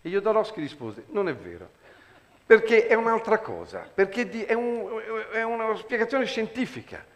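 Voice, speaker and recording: Man, animated onstage storyteller, very lively pitch. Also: moderate pace. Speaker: storyteller, performer. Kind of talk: lively anecdote telling on stage.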